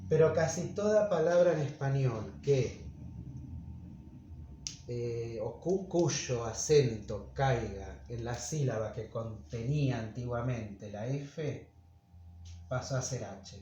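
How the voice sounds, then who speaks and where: A man's voice: medium pitch, warm tone. A man teaching a casual video lesson, thinking aloud with frequent fillers as he goes. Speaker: Spanish teacher. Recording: echoey room, dull sound, faint noise.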